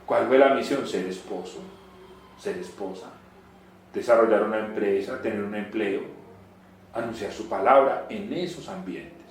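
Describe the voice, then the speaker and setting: A man preaching a sermon, animated, swinging between loud rhetorical questions and soft asides. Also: lowish voice, moderate pace, a little hiss or hum. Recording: very echoey room.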